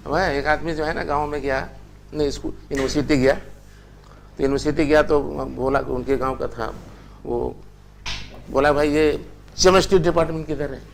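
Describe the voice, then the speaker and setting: A man's voice: mid-range voice, steady tone, normal speed, creaky, long pauses, slight background noise. An older man teaching a language class, lecturing in a chatty way and telling anecdotes. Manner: chatty, anecdotal, tells stories with acted quotes.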